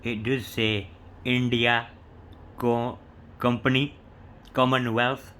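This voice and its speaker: A man presents his coin collection in a level, medium-pitched voice with a fairly bright tone, going slowly. His talk meanders, peppered with "you know" and "yeah," and he spells each inscription out letter by letter.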